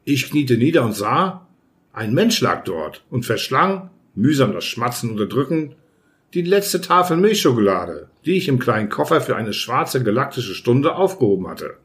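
A man narrating an audiobook in the first person, telling the story with lively acted shouts. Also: medium pitch, normal speed.

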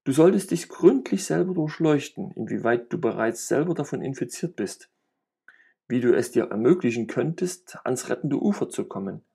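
Male reader voicing calm didactic grand master, husky, audiobook. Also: medium pitch, moderate pace. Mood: earnest advice. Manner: didactic, advising.

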